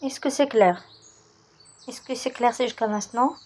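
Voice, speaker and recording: A woman's voice: fairly high pitch, normal speed. A woman vocabulary in to a class, repeating each word several times and urging the learners to repeat after her. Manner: coaxes the class to repeat louder. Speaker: English teacher.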